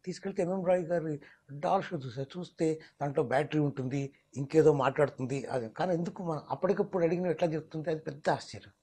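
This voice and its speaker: A man's voice: fairly high pitch, fairly even intonation, fast talker, warm tone, breathy edge. A mimicry artist, explaining his craft in an interview and slipping into demonstration voices. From Telangana, India.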